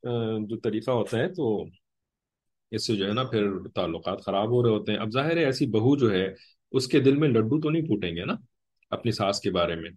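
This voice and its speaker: Man giving a religious lecture, low voice. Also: animated, moderate pace, darkish tone. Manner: explanatory, repeats "ठीक है" often; acts out short quoted lines in changed tones. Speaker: religious teacher.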